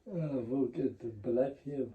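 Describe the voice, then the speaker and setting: A man's voice: mid-range voice, takes it slowly, narrow, tinny audio. A man who is not a native speaker, talking tersely in short, simple, broken sentences. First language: not German. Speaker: husband. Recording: roomy, far from the mic.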